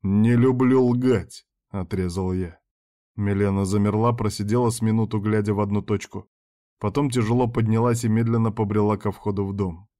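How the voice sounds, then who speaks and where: Low dark-voiced male audiobook narrator. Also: level tone, a little fast. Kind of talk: first-person audiobook narration.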